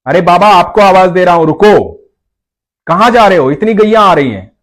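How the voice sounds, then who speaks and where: A man voicing a cheerful young village cowherd boy of about ten, calling out loudly and coaxing an old man to stop. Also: high-pitched, animated, normal speed, pitched above the performer's own voice. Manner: coaxing, insistent, raised voice.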